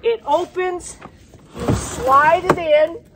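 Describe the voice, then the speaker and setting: A wilderness guide and show host shows off gear outdoors in the snow, telling a story in a plainspoken, folksy way. Her voice is extremely high and she takes it slowly. A camera mic, handheld at times, picks up background noise.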